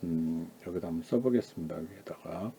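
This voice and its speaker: A man teaching Chinese pronunciation in a lecture, asking the class questions and answering them himself, calling out each sound loudly and high before dropping to a quiet aside. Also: a little fast, a little hiss or hum.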